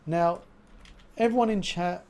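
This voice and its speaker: A man's voice: high voice, a little slow, a little mellow, slight background noise. A man hosting a livestream in casual chat, pronouncing his R's like W's. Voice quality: cannot pronounce R's, says w for r. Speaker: livestream host.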